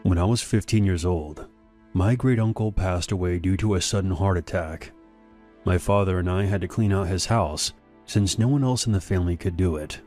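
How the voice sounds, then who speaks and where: A man with a very low, deep voice narrates first-person horror stories in a measured, even way. His voice-over is recorded close on a studio mic. A faint music bed runs underneath.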